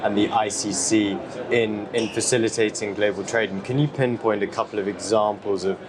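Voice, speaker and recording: A man interviewing a guest at a trade symposium, asking brisk, prepared questions. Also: fairly low pitch, steady tone, background noise. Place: trade symposium in New York.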